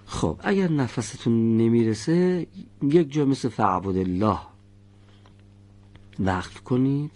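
A man teaching Quran recitation, patiently correcting his students' pronunciation and demonstrating each sound slowly. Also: mid-range voice, darkish tone, slightly rough. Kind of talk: patient classroom instruction.

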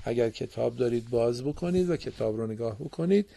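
A man's voice: mid-range voice, animated, creaky, mellow, slight background noise. A man teaching Quran reading on a radio program in a studio, patiently quizzing and encouraging his students. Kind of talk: radio classroom lesson.

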